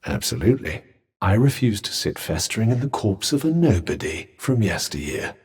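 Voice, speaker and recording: A man's voice: on the low side, big pitch swings, moderate pace, a little mellow, husky, heavily acted. A British man voicing a haughty, disembodied magic cuff, a pompous, dry and sarcastic video game companion who speaks eloquently. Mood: dry disdain. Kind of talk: scripted video game voice lines.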